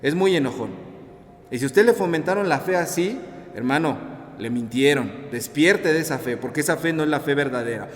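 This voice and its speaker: A man with a Mexican Spanish accent preaching a sermon reflection, lively and colloquial, acting out the voices he quotes. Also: on the high side, brisk. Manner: animated, acts out quoted voices, colloquial asides. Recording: echoey hall with long reverb.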